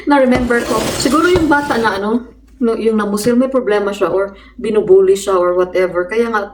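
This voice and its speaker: A woman's voice: medium pitch, background noise. A woman from the Philippines chatting casually while she cooks at home, telling stories and laughing often. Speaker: vlogger. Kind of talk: casual chat while cooking. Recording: echoey room, mic at a distance.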